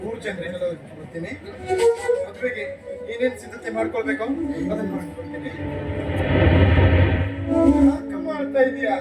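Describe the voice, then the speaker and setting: Man playing a remorseful, reformed elder brother, high voiced. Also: big pitch swings, moderate pace, long pauses. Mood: consoling. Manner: emotional, pleading, repeats phrases. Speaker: actor. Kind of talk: melodramatic stage play acting. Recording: echoey stage sound from far off, with music. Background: music.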